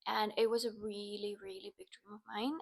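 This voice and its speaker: A woman, talking in a relaxed, chatty way in a casual personal vlog and sometimes drifting into soft, breathy asides. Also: mid-range voice, brisk. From Finland. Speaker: vlogger.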